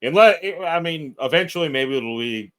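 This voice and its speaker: A man's voice: on the high side, expressive, moderate pace, fairly bright tone, clear, resonant tone. A man guesting on a podcast as an actor and filmmaker, talking casually and self-deprecatingly, laughing often. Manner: fidgety.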